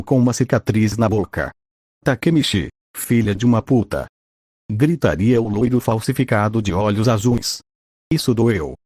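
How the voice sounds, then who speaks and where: A man narrating a fan story, reading the narration and the characters' lines in an even, flat delivery. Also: lowish voice, no echo, clean studio sound.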